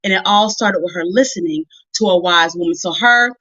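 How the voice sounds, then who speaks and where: A woman with a lowish, brisk voice and a sharp tone preaches a motivational sermon on a live stream, and the recording is lo-fi with no echo. She is a guest preacher and motivational Bible teacher who speaks to women directly and conversationally. Her style is folksy and emphatic, and she repeats phrases for effect.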